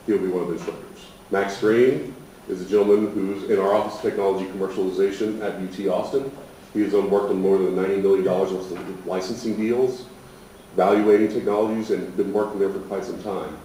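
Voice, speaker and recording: Brisk and steady, this low, dark voice belongs to an American instructor giving an informal, self-deprecating presentation to open a programme. He speaks plainly, and the echoey room and distant microphone add faint noise.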